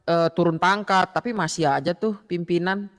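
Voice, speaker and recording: A man with a high, smooth voice tosses out casual, joking slang during a game roleplay interview. His voice carries a long reverb. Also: steady tone, moderate pace, a bit bright.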